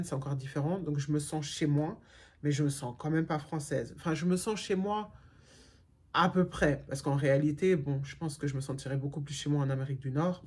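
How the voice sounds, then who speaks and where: Low-voiced with a darkish tone, a middle-aged German woman chats casually as a vlogger. She answers viewer questions frankly, with many fillers and restarts.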